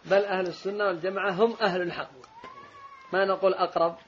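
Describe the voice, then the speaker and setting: Brief: emphatic male teacher, high voice, rapid delivery, muffled lo-fi recording with faint background hum. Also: level tone, fairly bright tone. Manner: emphatic, interjects corrections. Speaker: teacher commenting on a text. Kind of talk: religious lesson commentary. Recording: dull lo-fi recording with faint room noise.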